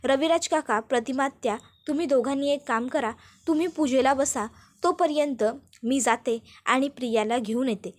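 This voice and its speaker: A woman's voice: high voice, normal speed. A woman voicing a firm, reasoning young woman in a retold family serial.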